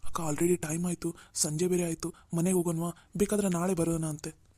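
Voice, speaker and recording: A woman's voice: on the low side, level tone, brisk, dark tone, no echo, natural voice. A woman voicing a caring young woman in a cartoon, soothing and reassuring. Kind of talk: Kannada cartoon voice acting.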